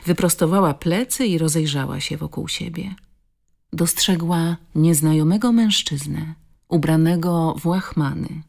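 Low, gravelly woman reading a story. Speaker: audiobook narrator. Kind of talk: scripted narration.

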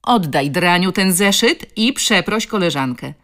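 Gruff tough woman, played by the female reader, low, guttural, commanding. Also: expressive, normal speed, darkish tone. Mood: scolding. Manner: booming, guttural, scolding. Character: tough rough-spoken woman defending a child.

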